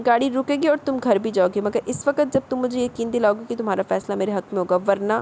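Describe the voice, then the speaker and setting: A possessive, domineering young man in an audiobook drama, read by a woman narrator. He speaks calmly but with a threatening edge. A faint hiss sits underneath. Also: fairly high pitch, lightly acted. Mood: menacing. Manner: calm, threatening.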